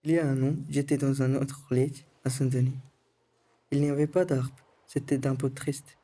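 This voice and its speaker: A teenage boy from Sri Lanka reading a scripted voice-over in calm, careful short phrases as the student narrator of a school film. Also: medium pitch, moderate pace. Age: teens.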